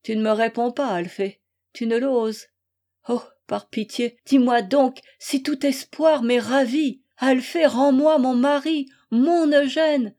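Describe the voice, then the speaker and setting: A woman voicing an anguished young wife who is jealous and desperate, in a dramatic audiobook reading with a loud, impassioned, pleading manner. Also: fairly high pitch, steady tone, unhurried.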